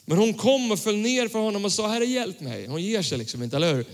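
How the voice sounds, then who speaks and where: A young male pastor preaching a casual sermon, reading scripture and talking in a relaxed, slangy way to his congregation. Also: high-pitched. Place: church hall. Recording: church hall with long reverb.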